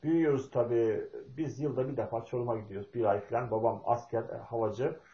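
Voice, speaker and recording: A man's voice: mid-range voice, steady tone, warm tone, roomy sound, highs cut off. Man telling a meandering family story. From Turkey. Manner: meandering, folksy storytelling with pauses and fillers. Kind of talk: spoken talk with personal storytelling.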